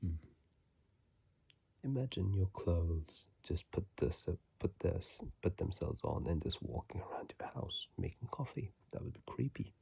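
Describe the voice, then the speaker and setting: An ASMR gaming channel host whispers casual, rambling game commentary into a phone microphone in a soft, unvoiced whisper, often correcting themselves mid-sentence. The voice is deep, creaky and slightly rough, with lively intonation, a measured pace and no room sound.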